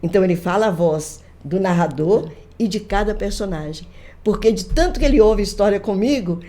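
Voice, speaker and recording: Older woman, grandmother, podcast guest, mellow warm tone, animated storytelling. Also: medium pitch, brisk. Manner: lively, animated retelling with quoted voices. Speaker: guest, folklorist. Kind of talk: casual storytelling conversation.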